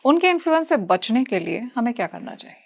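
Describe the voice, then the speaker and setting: A woman's voice: fairly high pitch, sing-song, fast talker, dull audio. A woman interviewing a spiritual guest, asking long, careful questions. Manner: attentive, frequent listening murmurs.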